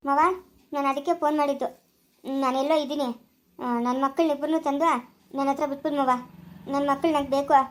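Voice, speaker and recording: A woman's voice: high voice, flat delivery, fairly quick, long pauses, slight background noise, natural voice. A woman voicing a pleading estranged mother. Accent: rural Chikkaballapura Kannada.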